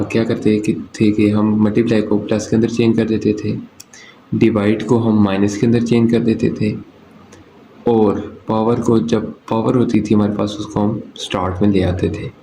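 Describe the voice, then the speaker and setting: Flat-voiced maths teacher, roomy echo. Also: male voice, on the low side. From Pakistan. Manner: asks and answers his own questions, often checks "okay". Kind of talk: step-by-step lesson explanation. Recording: roomy echo with faint background noise.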